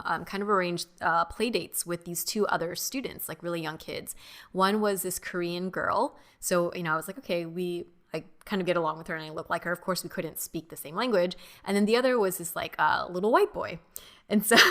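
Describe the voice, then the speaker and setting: A woman's voice: on the low side, fairly bright tone. A young woman co-hosting a podcast, reflectively recounting childhood memories in casual talk with many fillers. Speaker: podcast co-host. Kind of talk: casual chat.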